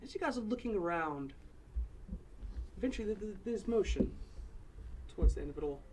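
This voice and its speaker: A game master describes the scene of a tabletop game in a relaxed, descriptive way with occasional fillers. The voice sits in a middle pitch, and a faint room noise runs behind. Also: brisk, poor audio. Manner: casual descriptive narration with fillers.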